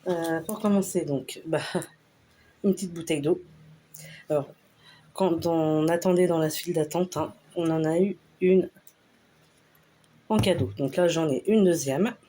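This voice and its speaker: A woman casually talking through a shopping haul, unhurried and hesitant with lots of fillers. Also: sits low, warm tone, slight background noise. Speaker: vlogger showing a store haul. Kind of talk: casual haul video chat.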